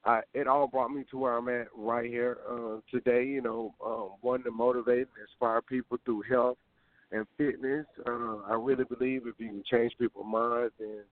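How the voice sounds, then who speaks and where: A man's voice: medium pitch, little pitch movement, normal speed, no echo. Southern man on a tinny phone-like line. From Georgia, US South. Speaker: interview guest, boxer and former dancer. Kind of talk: casual interview chat. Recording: tinny, dry phone-like radio sound.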